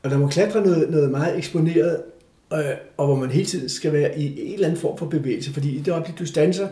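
An echoey space carries the fairly high voice of an older man telling a personal tale in an easygoing interview. He's animated throughout and performs the voices of the characters he describes, keeping it casual.

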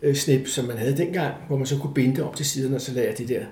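An older man telling a story from his life in a casual interview, animated, acting out the voices of the people in it. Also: medium pitch. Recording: echoey room.

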